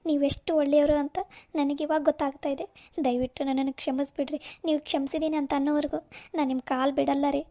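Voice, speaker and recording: A young cartoon wife, full of remorse, voiced by a woman. She pleads tearfully in a high, mellow voice. Her delivery stays flat and steady throughout. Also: fairly quick. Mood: tearful pleading. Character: young repentant wife, begging forgiveness.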